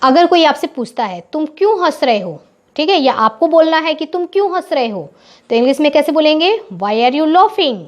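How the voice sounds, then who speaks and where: High-voiced teacher, slow English phrases. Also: female voice, animated. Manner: explains in Hindi, says English phrases slowly and clearly. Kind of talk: spoken English lesson for children. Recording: dull, lo-fi recording.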